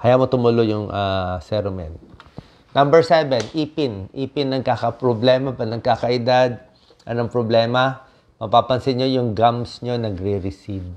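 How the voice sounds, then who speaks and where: A man's voice: mid-range voice, moderate pace, darkish tone, lo-fi sound. A man, a doctor, giving friendly health tips to viewers in a chatty lesson, checking in often with short tag questions. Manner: conversational, repeats tag questions like "di ba" and "okay". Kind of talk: casual health talk to viewers.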